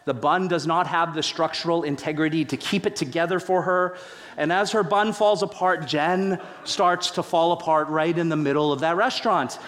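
A man's voice: moderate pace, fairly bright tone. Man preaching in a reverberant hall. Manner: storytelling with dramatic pitch swings and playful humor. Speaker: pastor. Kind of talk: sermon.

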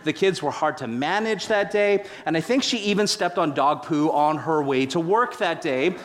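A man's voice: moderate pace, a bit bright. Man preaching in a reverberant hall. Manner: storytelling with dramatic pitch swings and playful humor. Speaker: pastor. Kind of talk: sermon.

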